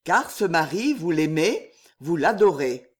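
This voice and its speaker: A reader voicing a scheming, powerful male general in an audiobook, speaking in a measured, commanding way. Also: mid-range voice, big pitch swings. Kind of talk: audiobook reading.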